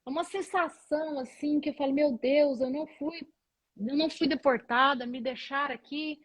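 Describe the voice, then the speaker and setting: A Brazilian woman with a slightly high voice and a Brazilian Portuguese accent, recounting her own story as an interview guest. She tells it with feeling and animation, and slips into the voices of the people she quotes. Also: moderate pace. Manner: animated, acts out other people's dialogue. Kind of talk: emotional personal storytelling.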